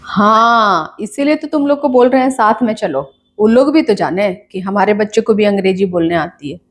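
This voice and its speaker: A woman playing a complaining, scolding mother in a comedy sketch, nagging in quick bursts. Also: mid-range voice, close to an everyday voice.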